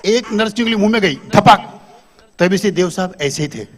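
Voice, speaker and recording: A man's voice: high-pitched, expressive, normal speed. A man doing live stand-up comedy on a stage, talking to the audience into a handheld microphone and quizzing them.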